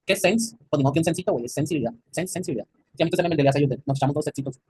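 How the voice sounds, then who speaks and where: A man's voice: fairly high pitch, racing, dark tone, slightly rough, no echo. A man with a Mexican accent teaching an anatomy class, quizzing his students and joking in crude slang. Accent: Mexican Spanish. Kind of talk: classroom lecture.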